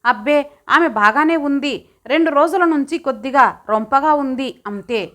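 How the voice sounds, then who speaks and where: A woman's voice: high-pitched, unhurried, a bit bright. A woman voicing a domineering, contemptuous young husband in an audio story, speaking in a scornful, bullying way. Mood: dismissive.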